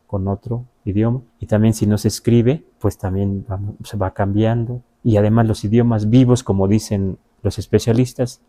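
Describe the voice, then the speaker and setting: A man's voice: lowish voice, dark tone. A man with a Mexican Spanish accent whose first language is Nahuatl, teaching in a patient, conversational way and checking in with his listeners. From Huasteca region of Veracruz, Mexico. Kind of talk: explanatory question-and-answer lesson.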